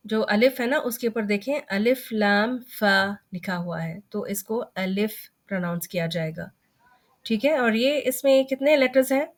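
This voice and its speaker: A woman's voice: fairly high pitch, a little slow. A woman teaching an online recitation lesson, explaining each term patiently and step by step.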